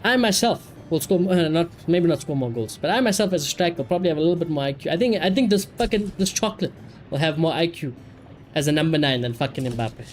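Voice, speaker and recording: A man livestreams a video game over game music, chatting casually and offering blunt, opinionated takes full of swearing and repeated phrases. His voice is on the high side, animated and quick.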